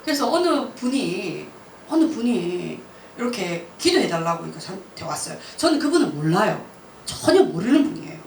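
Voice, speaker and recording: A woman missionary telling a personal testimony at church, lively and laughing often as she acts out her own words. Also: mid-range voice, moderate pace, gravelly. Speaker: missionary speaker. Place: church hall. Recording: roomy church hall, mic from a distance, faint noise.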